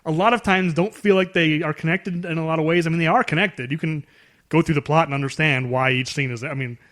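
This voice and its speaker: A man co-hosting a podcast in casual chat, who laughs and acts out quick impressions. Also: fairly high pitch, fairly even intonation, a bit bright. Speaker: podcast co-host. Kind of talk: casual chat about a movie.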